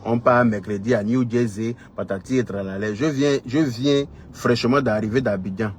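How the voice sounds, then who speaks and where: A man's voice: medium pitch, steady tone, moderate pace, a little hiss or hum. A man with an Ivorian French accent, delivering a heated, scolding monologue full of repetition and rhetorical questions. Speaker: social media commentator. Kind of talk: heated direct-address rant.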